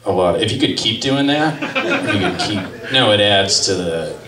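With a fairly low voice and an animated delivery at a moderate pace, a man in his thirties does rambling, self-deprecating stand-up at a small gallery cafe's open mic. He uses a handheld mic on a stand, and a distant camera picks up a roomy, noisy scene.

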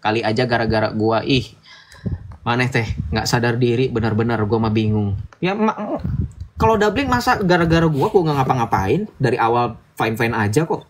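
A man's voice: mid-range voice, expressive, moderate pace, background noise. A man hosting a casual livestream, chatty and lecturing, often asking his listeners to agree. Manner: chatty, lecturing, asks "betul nggak?" often. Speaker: livestream host.

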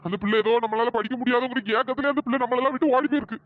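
A voice actor voicing a stern middle-aged cartoon father who reproaches his family, with a pitch-shifted voice. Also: rapid-fire, no room sound. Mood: bitter. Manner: reproachful, lecturing. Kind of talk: cartoon storytelling dialogue. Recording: dry, dull lo-fi sound.

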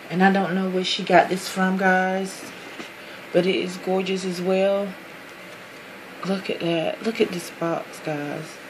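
Speaking in a lowish voice against background noise, a woman unboxes a handmade craft box for her viewers. This craft vlogger chats casually, raves about each detail, apologizes frequently, and addresses everyone as "guys."

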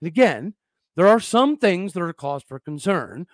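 A man's voice: sits high, sing-song, moderate pace, no room sound, clean studio sound. A man hosting a sports podcast, opinionated and emphatic. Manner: emphatic, fired-up, with frequent restarts. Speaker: podcast host.

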